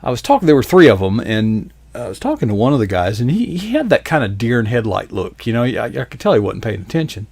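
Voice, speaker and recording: A man's voice: medium pitch, sing-song, fast, hardly any pauses, a little mellow, breathy edge, dry recording. A man, hosting a talk show and telling rambling, folksy stories that he laughs through. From American South. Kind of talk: casual storytelling chat.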